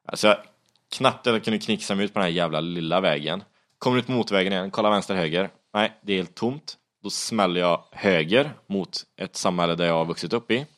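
Deep-voiced young man telling a story. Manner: animated, swearing, acts out his own panic. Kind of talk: casual storytelling.

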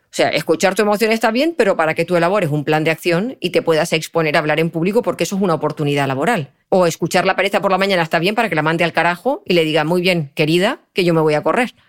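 Psychologist woman explaining warmly. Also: fairly low pitch, racing. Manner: explanatory, expressive, checks in with "vale". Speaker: psychologist guest. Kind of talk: podcast interview conversation.

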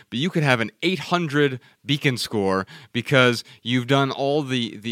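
A man's voice: mid-range voice, a bit bright, no echo. Sex: man. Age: 30s. Role: podcast co-host. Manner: emphatic, lecturing. Sound: dry, close mic. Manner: emphatic and lecturing, with repeated words. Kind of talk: casual podcast talk.

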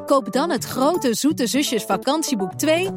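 A woman reading a scripted podcast outro in a crisp, promotional manner. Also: high voice, animated, unhurried. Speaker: announcer. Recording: music underneath.

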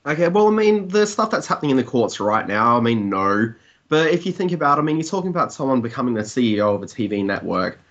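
Casual Australian male commentator, brisk and conversational, on a muffled lo-fi recording. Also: medium pitch, animated, fairly bright tone. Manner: conversational, opinionated, hedging with "I mean". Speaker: TV industry commentator, blogger. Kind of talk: casual discussion.

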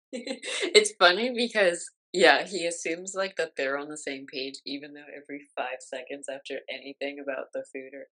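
Brief: woman co-host, deep voice with a bright edge, chatty, filler-heavy, laughs a lot. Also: moderate pace. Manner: says "like" constantly, laughs often, quotes characters. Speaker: podcast co-host recapping a film. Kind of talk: casual chat.

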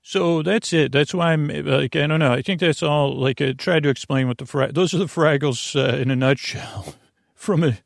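A man hosts a bedtime podcast, delivering a halting, meandering monologue that keeps circling back on itself. His gravelly voice sits on the high side, and the recording is studio quality with no echo.

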